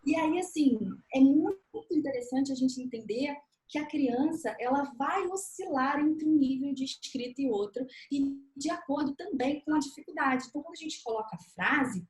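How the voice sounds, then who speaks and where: A woman with a Brazilian Portuguese accent, an educator explaining step by step on a panel discussion, animated and acting out parents' reactions. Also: high voice, moderate pace. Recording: echoey room sound.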